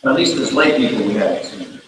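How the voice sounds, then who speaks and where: A man's voice: fairly low pitch, expressive, brisk, a little hiss or hum. A man preaching a sermon in a folksy, conversational storytelling way, in a church sanctuary. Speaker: pastor. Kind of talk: sermon with a joke. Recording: echoey church hall from far off.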